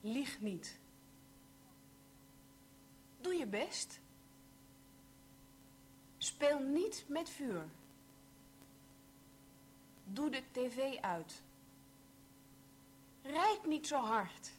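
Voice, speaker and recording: A woman slowly reading short example sentences for a language lesson, pronouncing each one evenly. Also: high voice, very animated, slight background noise. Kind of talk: slow read-aloud language drill.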